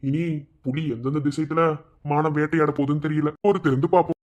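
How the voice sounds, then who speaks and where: A man voicing a scheming young man in a cartoon, speaking with smug, cryptic calm. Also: fairly high pitch, fast, highs cut off, heavy background noise, natural voice. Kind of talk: fan cartoon voice acting.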